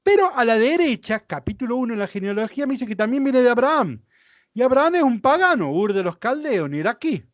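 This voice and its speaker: A male Bible teacher leads his class through a slide lecture, explaining things patiently and stopping now and then to ask whether it all makes sense. His voice is high and swings widely in pitch. The recording is dry and close, with no room echo.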